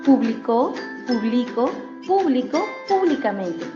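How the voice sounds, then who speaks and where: A woman's voice: fairly high pitch, slow. Woman narrating a lesson video over music. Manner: clear, even, explanatory. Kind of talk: scripted educational narration. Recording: echoey, dull video audio with music.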